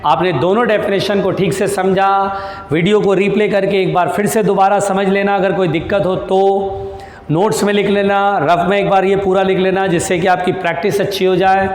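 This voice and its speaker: A man teaching physics to students, patient and reassuring, who repeats key terms slowly and affectionately calls them "beta". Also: high-pitched, flat delivery, a little mellow, echoey room, big-room sound. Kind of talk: classroom lecture.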